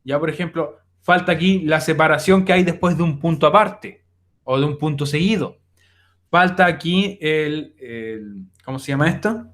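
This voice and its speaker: A young male teacher walks students through a recorded online class. His voice sits a little high, and his delivery is casual and direct, with frequent "eh" fillers. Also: normal speed, a bit bright.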